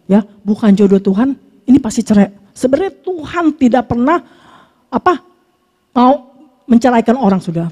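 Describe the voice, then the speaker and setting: With a fairly high, mellow voice, a woman pastor gives a relaxed, conversational sermon. She mixes scripture readings with everyday stories and keeps turning to her listeners directly, calling them brothers and sisters.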